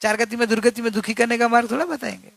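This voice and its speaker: A man's voice: very high voice, fairly even intonation, racing, vocal fry, a bit bright, no room sound. A man giving an earnest religious discourse, repeating key points and asking rhetorical questions. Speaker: spiritual teacher.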